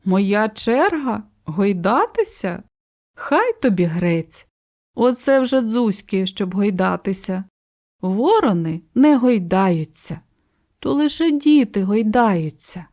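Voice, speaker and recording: A woman's voice: medium pitch, very animated, slow, a little mellow. A woman voicing a grumpy, stubborn male crow who scolds and exclaims indignantly. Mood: alarmed.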